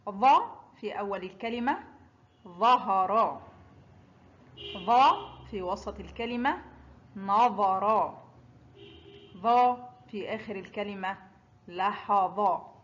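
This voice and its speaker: A woman teaching the Arabic alphabet, saying each letter and example word slowly and distinctly. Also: on the high side, expressive, highs cut off. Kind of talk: slow, deliberate pronunciation lesson.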